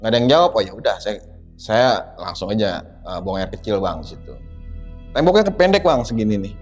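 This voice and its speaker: Animated man telling a horror tale. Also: lowish voice, fairly quick, faint music behind. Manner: lively, dramatic retelling with acted quotes. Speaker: guest storyteller. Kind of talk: telling a horror experience in a podcast.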